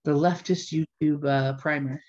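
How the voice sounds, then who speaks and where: Deep-voiced woman, muffled recording. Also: fairly even intonation, moderate pace, darkish tone. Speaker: podcast co-host. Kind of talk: casual chat. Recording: dull lo-fi sound.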